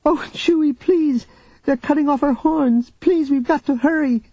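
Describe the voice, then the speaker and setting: A man's voice: normal speed, dark tone, no room sound. A man voicing a frantic young girl in an audiobook, pleading urgently in a raised voice. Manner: urgent, high-pitched pleading. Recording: dull audio, faint music.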